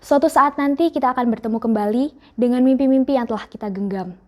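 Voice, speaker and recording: A woman's voice: fairly high pitch, quick pace. Earnest teenage girl giving a speech. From Indonesia. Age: teens. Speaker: student speaker. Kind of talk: formal farewell speech.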